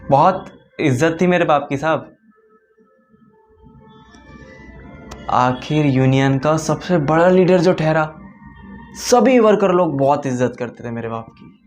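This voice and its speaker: A haunted young man begging a sir to listen, as a man acts him out, his fairly high voice pleading and intense. Faint music plays under the audition monologue. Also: lively intonation, unhurried. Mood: wistful. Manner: pleading, addressing a sir again and again. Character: poor young man haunted by a starving childhood. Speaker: actor.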